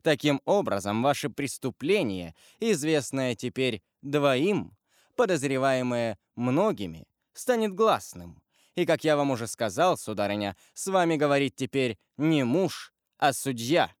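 A man's voice: mid-range voice, very animated, a little slow, no echo. Storybook reading: a man playing a cold, commanding prosecutor, accusing and contemptuous, in a dry, close sound. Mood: coldly accusing. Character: cold, stern royal prosecutor, middle-aged husband.

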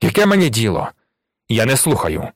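A man's voice: mid-range voice, huge pitch swings, moderate pace, no echo, studio quality. A man doing a barking, scornful police inspector. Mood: curt. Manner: loud, barking, mocking. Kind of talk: audiobook reading.

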